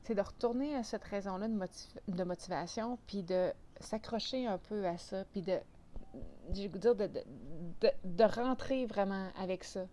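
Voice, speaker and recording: A woman's voice: medium pitch, moderate pace, dark tone. A woman with a Quebec French accent talking casually to camera as a vlogger, chatty and full of restarts and fillers.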